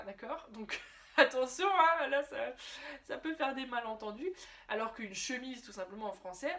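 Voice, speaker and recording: Young female language teacher, higher-pitched, chatty and informal, frequent check-ins, careful German words. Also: fairly bright tone. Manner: addresses the viewer informally, shifts into careful German pronunciation. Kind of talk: casual video lesson.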